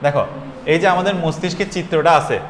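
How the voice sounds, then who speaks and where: A young man teaching a biology class, repeating terms slowly and quizzing his students. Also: fairly high pitch, slight background noise. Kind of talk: classroom lecture. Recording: echoey room, faint ambience.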